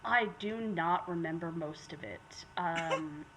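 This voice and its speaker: A woman's voice: sits low, slow, noisy background. A woman guest on a podcast, chatting casually, giggling often and trailing off into fillers as she tells a story. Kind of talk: casual chat.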